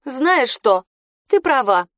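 A woman's voice: sits high, big pitch swings, slow pace, fairly bright tone, no echo, studio quality, voice pushed up, heavily acted. A woman voicing a hurt teenage girl who speaks in a wounded way. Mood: defiant.

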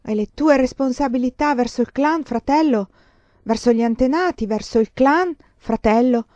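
A man's voice: extremely high pitch, moderate pace, darkish tone, no echo, voice pushed up. A woman voicing a stern elderly male clan patriarch, reproachful and demanding, on a dull lo-fi recording.

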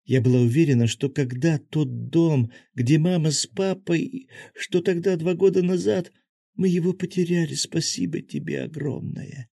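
A woman's voice: low-pitched, moderate pace, creaky, breathy edge, dry recording, clean studio sound, voice pushed up, exaggerated voice. Man voicing an emotional young noblewoman. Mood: tearful. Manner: excited, voice trembling.

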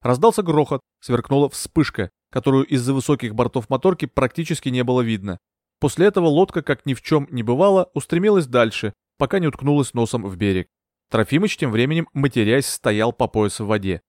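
A man reading a thriller audiobook in steady, even storytelling narration. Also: medium pitch, a little fast, no echo, clean studio sound. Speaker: audiobook reader. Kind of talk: scripted narration.

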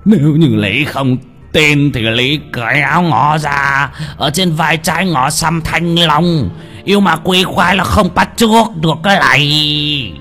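A man voicing an old blind Taoist exorcist who shouts urgent warnings and uses Cantonese-style pronouns, over faint music. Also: a little high, a little slow, voice pushed up. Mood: urgent, shouting.

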